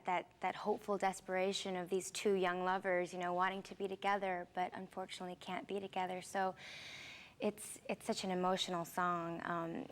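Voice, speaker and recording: A young woman, a musical theater actress, answering interview questions in a friendly, chatty way, with many fillers and restarts. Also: lowish voice. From Philippines, raised in Seattle. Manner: friendly, chatty, with frequent fillers and repeated starts.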